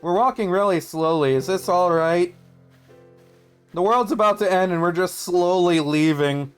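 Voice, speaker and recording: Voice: medium pitch, normal speed, smooth, soft background music. A streamer doing casual, joking commentary while playing a game.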